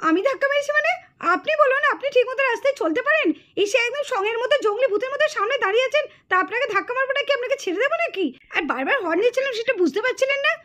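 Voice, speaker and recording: A woman's voice: very high-pitched, animated, rapid-fire, fairly bright tone. A woman voicing a hot-tempered young village aunt in a puppet cartoon, scolding and quarrelsome.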